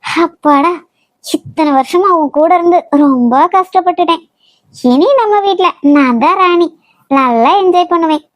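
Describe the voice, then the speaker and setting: A woman's voice: very high voice, a little slow, dry recording. A woman voicing a cheeky, teasing younger sister in a cartoon.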